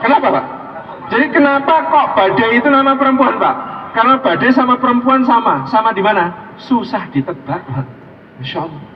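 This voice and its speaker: Middle-aged male preacher, high voice, jokey sermon, distant and muffled in a reverberant hall. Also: a little hiss or hum. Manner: jokey, addresses the men in the audience directly. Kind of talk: humorous sermon. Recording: distant, dull hall recording with long reverb.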